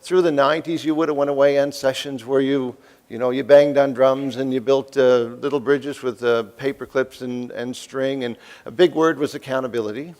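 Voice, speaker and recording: A man's voice: medium pitch, steady tone, normal speed, darkish tone. A man in his fifties, from the East Coast, giving a folksy, joking keynote speech and asking the audience questions. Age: 50s. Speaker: keynote speaker.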